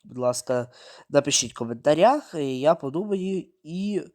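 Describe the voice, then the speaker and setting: Higher-voiced man narrating his gameplay. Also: normal speed. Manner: narrates his own moves, repeats words, sudden excited outbursts. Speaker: mobile game streamer. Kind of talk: gameplay commentary.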